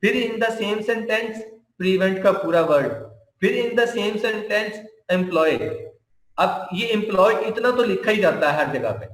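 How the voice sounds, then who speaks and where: A man gives a computer science lecture, walking through each step slowly and going over points again. His voice sits high for a man. The room is echoey. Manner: explains step by step, repeating points.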